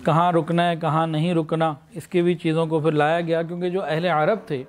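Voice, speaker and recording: Man preaching with rhetorical questions. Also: a little high. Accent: Pakistani Urdu. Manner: explains with rhetorical questions, then leads slow recitation. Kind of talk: sermon.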